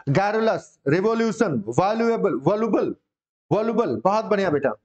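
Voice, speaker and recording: Man, high voice, encouraging vocabulary teacher, dull lo-fi recording. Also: animated, normal speed, darkish tone. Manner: encouraging, calls students beta, repeats words for drilling. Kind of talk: online coaching class. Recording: dull lo-fi sound.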